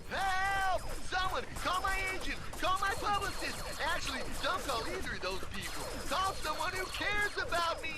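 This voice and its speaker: Shrill panicky celeb dude in a game, very high, loud music bed. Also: male voice, animated, moderate pace, few pauses. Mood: panicked. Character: whiny self-absorbed celebrity surfer alien in a panic.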